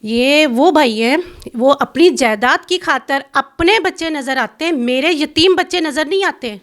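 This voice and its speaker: A woman's voice: high-pitched, animated, a bit bright. A middle-aged woman from Pakistan, a guest in an interview, speaking in a bitter, accusing and insistent way. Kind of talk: emotional complaint in an interview.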